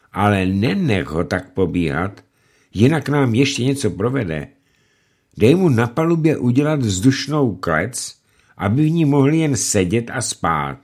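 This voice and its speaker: A man's voice: vocal fry, breathy edge, heavily acted. A man reading an audiobook, voicing a fat, fussy male ship's cook who grumbles indignantly. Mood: scheming. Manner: fussy, indignant, pitch jumps high.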